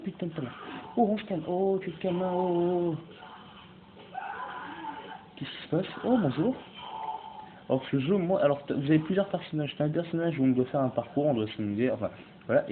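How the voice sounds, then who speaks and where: A man giving excitable, swear-filled let's-play commentary, yelling and making mock threats at the game. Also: mid-range voice. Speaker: gamer. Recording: tinny lo-fi mic with faint hiss.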